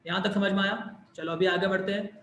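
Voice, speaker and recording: Male tutor, online class, high voice in a roomy space, quizzes and answers his own questions. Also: level tone, fast talker, fairly bright tone. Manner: repeats questions and answers them himself, mixing in English. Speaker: chemistry teacher.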